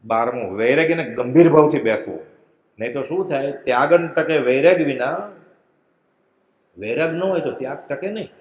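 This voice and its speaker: Middle-aged man, religious discourse, conversational anecdotes, mid-pitched voice, echoey hall. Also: normal speed, long pauses. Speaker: spiritual discourse reader. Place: prayer hall.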